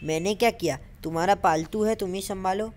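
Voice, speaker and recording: A woman's voice: medium pitch, brisk, darkish tone, close to an everyday voice. A woman voicing a wheedling prankster guy. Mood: gloating. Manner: wheedling, begging, teasing. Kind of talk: comic voice-over dub.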